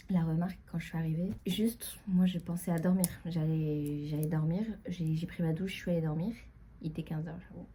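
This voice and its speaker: A young woman talks her way through a casual storytime, full of fillers and asides. Her voice is low and very dark and mellow, and at times she drops to a whisper. Faint background noise sits under the recording. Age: young adult. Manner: chatty, rambling, frequent fillers and asides. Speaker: vlogger.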